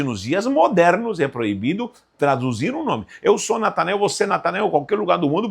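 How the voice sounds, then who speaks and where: A man's voice: on the high side, vocal fry, slightly rough. A man from Brazil teaching a Bible lesson informally, emphatic and direct, often calling the viewer "dear". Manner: animated, emphatic, addresses viewer as "querido".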